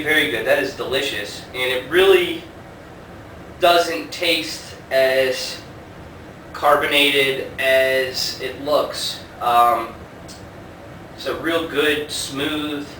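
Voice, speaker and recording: A man casually reviewing a homebrew in a relaxed, unhurried way with plenty of fillers, recorded on a camera at a distance. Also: medium pitch, slight background noise. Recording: echoey room, mic at a distance.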